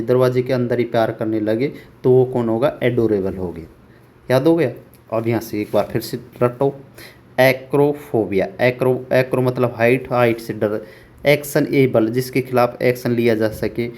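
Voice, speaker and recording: A man teaching English vocabulary for exams, repeating words slowly and asking rhetorical questions. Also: medium pitch, a little mellow. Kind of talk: exam-prep vocabulary lesson.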